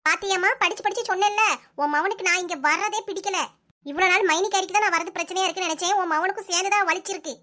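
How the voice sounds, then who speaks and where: A bossy, sharp-tongued cartoon mother-in-law, voiced by a woman, with a Kanyakumari accent. Her voice sits extremely high and bright, and the scolding comes out in a fast, relentless stream. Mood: complaining. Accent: Kanyakumari Tamil. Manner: scolding, rapid-fire nagging. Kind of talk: comic cartoon voice acting.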